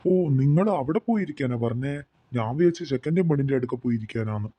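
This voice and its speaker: A man voicing Anwar, a muddled, good-natured young man in a cartoon. He talks earnestly and is slow on the uptake. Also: medium pitch, lively intonation, warm tone, husky.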